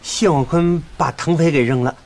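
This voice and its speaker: A man's voice: on the high side, normal speed, darkish tone, close to an everyday voice. An actor playing an agitated, indignant village man with a Northeastern Mandarin accent who stammers as he protests. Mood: alarmed.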